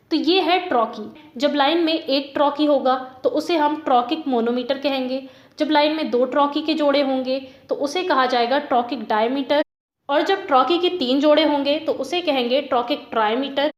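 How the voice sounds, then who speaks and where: A woman's voice: high-pitched, roomy sound. A woman teacher explaining literary terms step by step, repeating points and giving examples.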